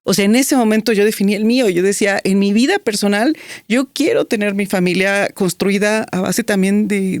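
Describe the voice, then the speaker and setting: A woman in her forties, speaking as a guest and recounting a personal story in a thoughtful way. She pauses often on fillers and restarts her sentences. The sound is close and dry, with no room around her. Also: medium pitch, a little mellow, no room sound. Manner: reflective, many "este" fillers and restarts. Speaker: guest, business strategist.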